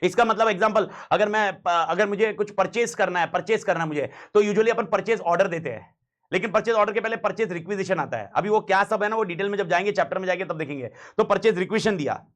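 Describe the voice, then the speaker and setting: A man's voice: high voice, fast, a bit bright. A man teaching a class in a casual, slangy way, repeating key points and mixing in English phrases.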